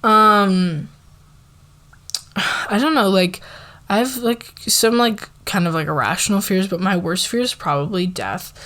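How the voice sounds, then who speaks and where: An eighteen-year-old woman chatting casually as an ASMR creator answering viewer questions, soft-spoken and relaxed, filling her sentences with "like" and sometimes slipping into a whisper. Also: mid-range voice, a little slow. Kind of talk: casual Q&A chat.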